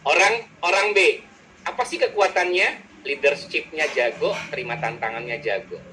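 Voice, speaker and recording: A male psychologist giving a lively webinar lecture over a video call, joking and acting out personality types in quick quoted voices. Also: fairly high pitch, slight background noise, poor audio.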